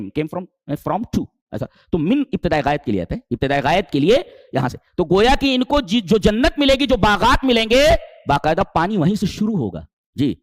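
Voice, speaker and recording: A man preaching a sermon in with Quranic exegesis, asking rhetorical questions and climbing to emphatic high peaks before dropping low. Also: a little mellow, dry recording, clean studio sound. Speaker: Islamic preacher.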